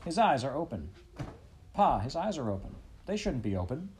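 A man voicing young mouse children who tattle in squeaky voices. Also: big pitch swings, normal speed, darkish tone, slight background noise, lightly acted. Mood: startled.

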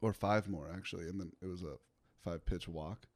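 A young man speaks with a slightly low voice. He tells his story in a relaxed way, with plenty of casual fillers. He laughs often as he talks. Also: a little fast. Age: young adult. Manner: laid-back, laughs often, filler-heavy. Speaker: guest, pitcher.

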